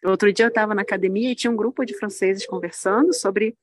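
A young adult woman from Rio de Janeiro with a Carioca accent, a lively guest telling stories on a video call from a park and laughing often. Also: medium pitch, fast talker. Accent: Carioca Brazilian Portuguese. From Rio de Janeiro, Brazil. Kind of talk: casual chat, anecdotes. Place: outdoors in a park.

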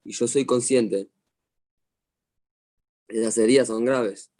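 A middle-aged man with an Argentine accent, a psychologist teaching a class over a video call, telling stories in a lively way and asking questions. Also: medium pitch, slow. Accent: Argentine Spanish. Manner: animated storyteller, asks the class questions. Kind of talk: online lecture to a class.

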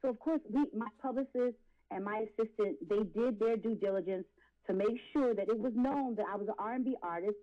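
With the highs cut off, the audio carries a slightly high, slightly fast woman's voice. She is in her late forties, an R&B and gospel singer being interviewed as a guest, and she testifies with impassioned, preachy emphasis and repeated phrases.

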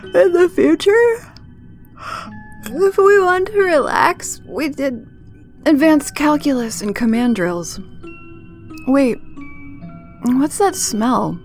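A woman's voice: high-pitched, lively intonation, slow pace, long pauses, soft background music, full character voice. A woman playing a stern, dutiful starship commander in a comic sci-fi audio drama, formal, haughty and stiffly disdainful.

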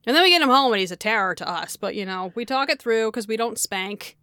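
A woman's voice: a little high, animated, fast, pushed and bright, dry recording, studio quality. A woman co-hosting a casual podcast chat, who laughs often, swears freely and acts out the voices of people she quotes. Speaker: podcast co-host.

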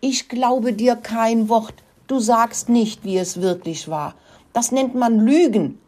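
A woman voicing a furious mother hen who scolds wildly in a shrill, clucking manner. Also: slow, darkish tone. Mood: scolding. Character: furious mother hen defending her nest.

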